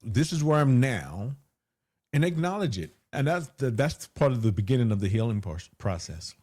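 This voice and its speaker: A guest hypnotherapist, a man who calls his voice big, talks emphatically in a conversational interview, repeating phrases for stress. His darkish voice is medium in pitch and very animated, at a moderate pace.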